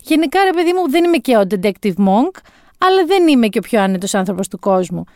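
Forties woman, comic monologue, self-mocking, smooth and a touch high. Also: very animated, darkish tone, no echo, studio quality. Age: 40s. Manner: wry, self-mocking storytelling. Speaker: storyteller.

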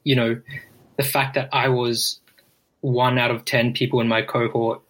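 A man, speaking in a halting, reflective way as a guest in a casual podcast interview. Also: medium pitch, level tone, fairly bright tone, rough recording. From Brisbane, Australia. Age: 20s.

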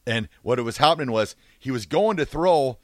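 A man's voice: medium pitch, lively intonation, a little fast, no room sound, studio quality. A man in his forties co-hosting a sports radio show, telling stories in short clipped bursts. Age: 40s. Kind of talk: casual sports talk radio. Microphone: studio microphone.

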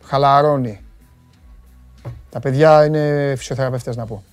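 A man hosting a live sports show, chatting casually and teasing his viewers in a loud, rough voice. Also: mid-range voice, steady tone, no echo, soft background music. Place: studio.

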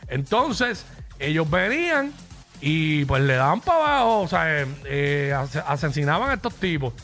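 A man with a Puerto Rican accent co-hosting a radio show, chatting and reading news in a lively, joking way. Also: fairly high pitch, measured pace, soft background music. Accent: Puerto Rican Spanish. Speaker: radio co-host. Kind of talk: casual radio chat and news.

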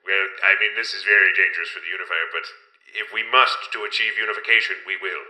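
A man playing an earnest professor who steers a strange craft, talking in a measured way. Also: deep voice, steady tone, sharp tone, echoey room, low-quality recording. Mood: cautious.

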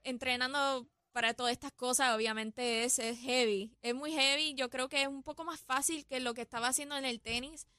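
Woman in her 30s, radio guest, bright highish voice, stops and restarts a lot. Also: fairly even intonation, fairly quick, hardly any pauses, dry recording, clean studio sound. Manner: thoughtful, with many restarts and fillers. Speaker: guest athlete. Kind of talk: radio interview chat.

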